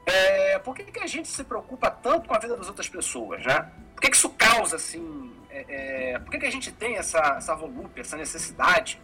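Man explaining in bright tone. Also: high-pitched, sing-song, fairly quick, faint music behind, low-quality recording. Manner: thoughtful, explanatory. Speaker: host. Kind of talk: casual discussion.

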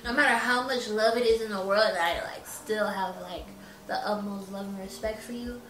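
A woman's voice: medium pitch, steady tone, moderate pace, fairly bright tone, recorded from a distance, slight background noise. Blunt laughing woman in a roomy echo. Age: 20s. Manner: blunt, laughs often, swears freely. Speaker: podcast co-host. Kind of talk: casual chat. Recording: roomy echo, a bit off-mic.

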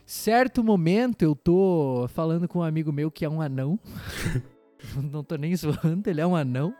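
A young man co-hosting a podcast, telling a story in a casual, slangy way that swings between loud bursts and low asides. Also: moderate pace, dry recording, faint music behind. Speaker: podcast co-host. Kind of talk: casual chat.

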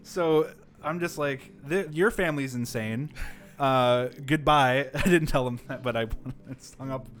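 A podcast co-host on a live stream tells a work story in a mid-range, fairly bright voice at a measured pace. His casual chat rambles, leans heavily on "like," and he acts out the quotes as he goes.

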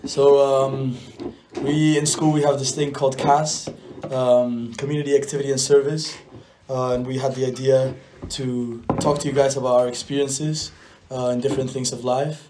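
A teenage boy from Spain co-hosts a casual podcast, pausing often with ums. His voice sits mid-range, with a faint hiss in the background. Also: mid-range voice, little pitch movement. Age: teens. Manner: hesitant, many ums and uhs. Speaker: podcast co-founder. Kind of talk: casual chat.

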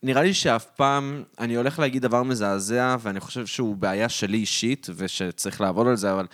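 A man's voice: mid-range voice, a bit bright, dry recording, clean studio sound. An Israeli man in casual conversation as a podcast co-host, speaking colloquially and sprinkling in English words.

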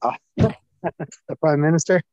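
A man's voice: a little high, takes it slowly, a little mellow, no room sound, dull audio. A man raised in the United States after an early childhood in Egypt, talking plainly and asking questions on a video call. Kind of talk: casual chat.

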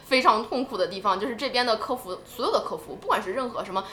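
A woman co-hosting a podcast in casual chat, animated and talking in quick bursts with restarts. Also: fairly high pitch, reverberant. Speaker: podcast co-host.

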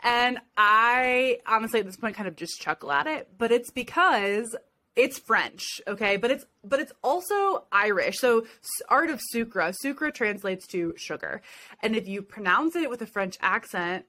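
A woman's voice: fairly high pitch, expressive, unhurried, sharp tone. A young woman from Ohio co-hosting a casual podcast chat, chatty and self-deprecating, laughing often. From Ohio, USA. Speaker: podcast co-host and business owner.

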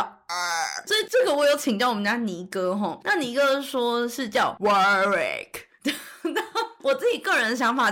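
A woman's voice: mid-range voice, a bit bright. A woman, a podcast co-host chatting casually, often laughing and sounding out place names. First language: Mandarin.

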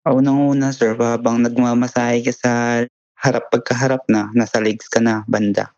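Young filipino guy answering questions, polite, flat tone, kinda dull lo-fi audio. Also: medium pitch, moderate pace, dry recording. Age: young adult. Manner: polite and plain, says "sir" and "po", many fillers like "ganyan". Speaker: interview guest, massage therapist. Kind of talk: casual interview.

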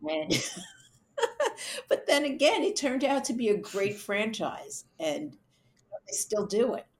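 A woman's voice: on the high side, wildly swooping pitch, slow. A middle-aged woman, an event producer, answering interview questions in a chatty, storytelling way and laughing now and then. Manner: chatty, laughs while telling stories.

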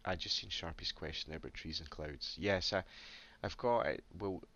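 A man's voice: deep voice, normal speed, sharp tone, muffled recording, slight background noise. A man hosting a casual crypto Q&A, rambling with many stammered restarts and a slight cough. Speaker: crypto AMA host. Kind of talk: casual live Q&A chat.

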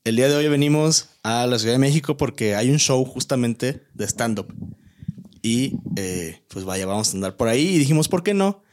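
A man's voice: mid-range voice, animated, moderate pace, a little mellow. A man with a Mexican accent hosting a podcast in casual, joking chat. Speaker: podcast host.

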